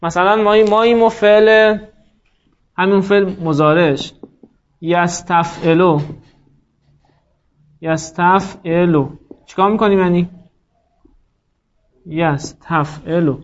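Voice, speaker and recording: A man's voice: high voice, fairly even intonation, muffled recording. A male teacher giving a classroom grammar lecture, explaining step by step and quizzing his students by name.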